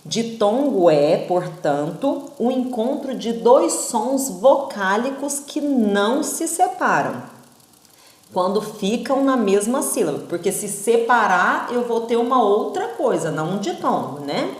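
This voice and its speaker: A woman's voice: fairly high pitch, sing-song, roomy sound. A woman teaching a primary school class, sounding out syllables and asking "right?" checks. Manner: slow, sounds out syllables and vowels, asks rhetorical checks. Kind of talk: recorded online class.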